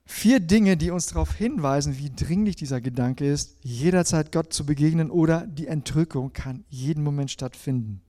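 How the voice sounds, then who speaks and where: A man delivers a sermon in a mellow, warm voice pitched a bit high for a man. He reads scripture aloud and speaks straight to the listener, swinging between emphatic passages and hushed ones. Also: moderate pace, hardly any pauses. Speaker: preacher.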